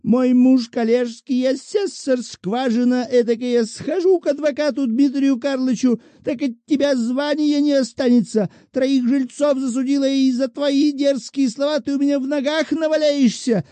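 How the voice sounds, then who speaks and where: A man voicing a shrill, wheedling old woman petitioner in a high falsetto. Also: fairly even intonation, moderate pace, hardly any pauses, mellow, no echo. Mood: indignant.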